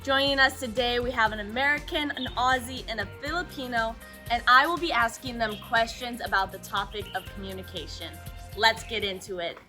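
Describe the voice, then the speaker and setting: Woman, host, scripted questions, high bright voice, roomy echo. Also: a little fast, faint music behind. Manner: reads out prepared questions.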